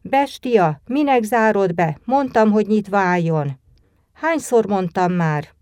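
Woman voicing a small boy playing a drunk, shouting, abusive, slurred, mellow tone, dry close sound. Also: mid-range voice, animated, no echo, close to an everyday voice. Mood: drunken shouting.

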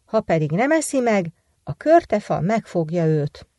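A woman's voice: mid-range voice, big pitch swings, dark tone, no room sound, clean studio sound, close to an everyday voice. A woman voicing the vengeful, scheming daughters-in-law of a witch in a folk tale, plotting a trap. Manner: plotting, boastful.

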